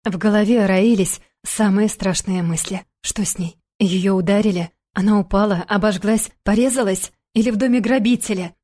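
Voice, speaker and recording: Brief: woman narrator, mellow and dark in tone, steady first-person audiobook reading. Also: mid-range voice, normal speed, hardly any pauses.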